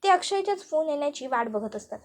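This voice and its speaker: A woman retells a serial episode in a steady, recounting narration. Her voice is high-pitched and even. She moves the story along line by line. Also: fast.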